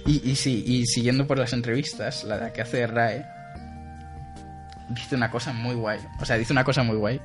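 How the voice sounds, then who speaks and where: A young man co-hosts a casual podcast chat, rambling with frequent restarts and laughter. His voice is medium-pitched with fairly even intonation and a moderate pace, heard over music.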